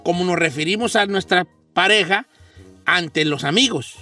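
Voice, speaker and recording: A man's voice: high voice, moderate pace, bright, forceful tone, far from the mic, soft background music. A man hosting a radio show in casual banter, playful and teasing, slipping English phrases into his talk.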